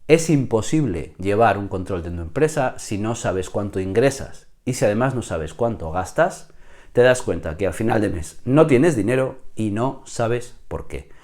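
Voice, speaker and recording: A man with a hoarse voice, explaining business mistakes to camera as a consultant, often checking in with the viewer. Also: fairly low pitch, expressive, moderate pace, a little mellow.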